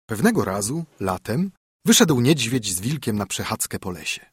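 Husky man narrating a fairy tale. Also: on the low side, big pitch swings, normal speed, no echo, studio quality. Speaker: audiobook narrator.

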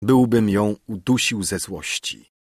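Husky man narrating expressively. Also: fairly low pitch, slow pace, dry recording, studio quality. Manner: expressive, dramatic first-person reading. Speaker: audiobook narrator. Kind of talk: literary audiobook narration.

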